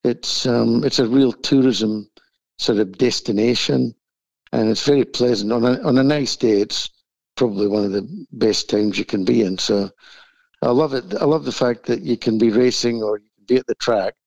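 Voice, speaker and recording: A man speaks informally in a casual interview, his voice croaky and froggy with flu. There is heavy fry in it, and the sound is close and dry but somewhat dull. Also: medium pitch, normal speed, a little mellow, dry recording. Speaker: race track owner, interview guest.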